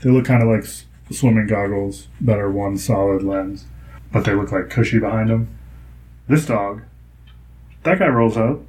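A man's voice: on the low side, normal speed, darkish tone, low-quality recording. A young man chatting casually, telling rambling stories full of fillers. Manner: rambling, filler-heavy storytelling. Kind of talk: casual chat.

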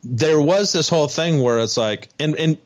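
A man's voice: a little high, lively intonation, normal speed. A man co-hosting a podcast, animatedly recapping a TV episode in casual chat, with frequent ums and restarts. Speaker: podcast co-host.

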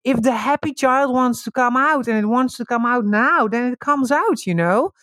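Speaking at a normal speed, this Dutch-native woman appears as a guest, casually discussing spiritual ideas. She frequently restarts, laughs readily and her pitch leaps when she gets excited; the sound is dry and close-up with no room sound at all.

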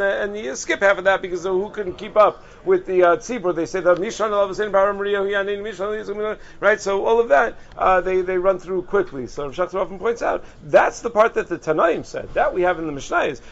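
A man giving a casual halachic lesson on a podcast, explaining in a chatty way with frequent pauses and restarts. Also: sits high, highs cut off. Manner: explains conversationally with frequent "uh" and restarts, mixing Hebrew terms.

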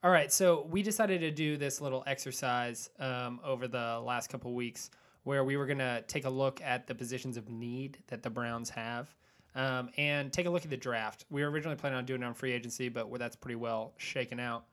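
A man's voice: medium pitch, fairly even intonation, fairly quick, fairly bright tone. Upbeat man hosting a sports podcast. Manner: teasing, upbeat, leads the segment. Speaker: podcast host. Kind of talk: casual sports chat.

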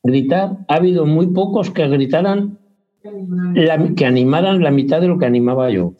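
Speaking at normal speed in a slightly high voice, a man who is a basketball parent chats informally in an interview while crowd noise is audible. He rambles, hesitates, and keeps correcting himself, and the lo-fi audio is dull.

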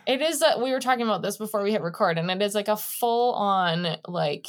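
Podcast co-host, female, 30s. Mid-range pitch, casual and talkative, loose rambling delivery. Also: expressive, fairly quick. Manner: chatty, rambling, informal. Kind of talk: casual chat, introducing a guest.

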